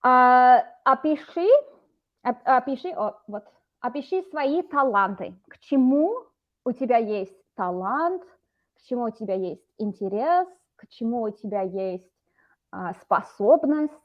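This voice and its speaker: A woman's voice: a little high, animated, measured pace, lo-fi sound. A woman tutoring a student over a video call, explaining words patiently. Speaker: Russian teacher. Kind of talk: online language lesson.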